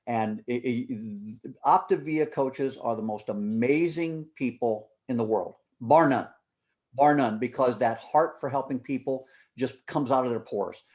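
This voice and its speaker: A man's voice: mid-range voice, a little slow, darkish tone. A man hosting a coaches' group video call, effusive and full of praise for the team.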